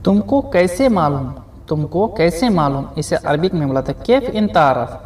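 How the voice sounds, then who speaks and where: Teaching beginners some spoken Arabic phrases, this man says each phrase, repeats it, then explains it word by word. He treats viewers as friends and leans on "okay" often, speaking at a moderate pace in a slightly high, somewhat mellow voice with lively intonation.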